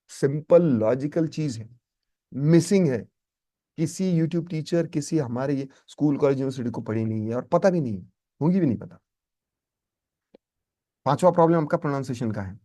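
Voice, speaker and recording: A man's voice: on the high side, mellow. A man teaching a spoken English lesson, emphatic and repeating his key points.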